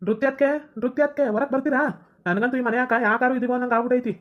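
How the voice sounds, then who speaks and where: A woman's voice: high-pitched, very fast, lo-fi sound, pitched below the performer's own voice, lightly acted. A woman voicing a quarrelsome young husband who complains in a North Karnataka Kannada accent. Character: young husband Shankar, hotheaded son.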